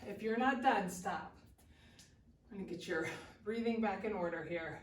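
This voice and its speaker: A woman's voice: medium pitch, normal speed, slight background noise. A woman leading a workout as an aerobics instructor, calling out short, encouraging cues and counts. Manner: short commands and counts called out during exercise. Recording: roomy echo, distant from the mic.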